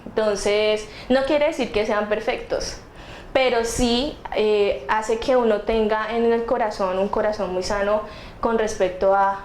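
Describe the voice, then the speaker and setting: Speaking unhurriedly in a steady, slightly mellow mid-range voice, a Bogotá-area woman with a central Andean Colombian accent earnestly explains her faith as a guest in a casual interview. The recording carries a roomy echo, background music, and a little hiss or hum.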